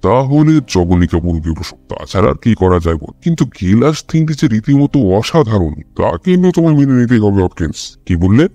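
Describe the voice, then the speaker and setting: A man voicing a brilliant, restless male detective who reasons in a measured way and sometimes turns urgent. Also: fairly low pitch, sing-song, dark tone, no echo. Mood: reasoning.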